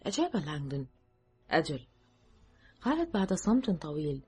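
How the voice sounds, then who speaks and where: A woman narrating an audiobook in a measured, steady storytelling manner. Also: low voice, husky, faint music behind.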